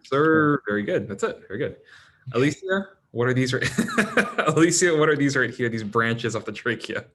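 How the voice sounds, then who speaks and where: A man teaching an anatomy class in a relaxed, conversational way, calling on students by name and checking in with "right?" and "okay?" often. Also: medium pitch, normal speed. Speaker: anatomy instructor. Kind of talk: classroom lecture.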